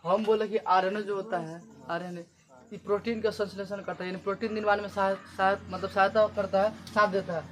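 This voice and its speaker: High-voiced man teaching biology. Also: little pitch movement, a little fast, a little hiss or hum. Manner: repetitive question-and-answer teaching. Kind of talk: classroom lecture. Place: classroom.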